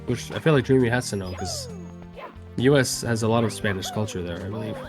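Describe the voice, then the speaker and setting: A man's voice: fairly low pitch, expressive, a little fast, music in the background. A man co-hosting a game stream, chatting casually and reading viewer comments, rambling and laughing often. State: choking a little on a coffee bean. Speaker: streamer co-host.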